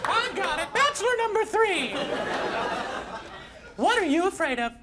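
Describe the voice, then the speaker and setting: A man's voice: very high-pitched, sing-song, unhurried, over a noisy crowd, exaggerated voice. A man playing an overeager, flirty romantic contestant in an improvised stage comedy dating game. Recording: loud studio audience noise and laughter.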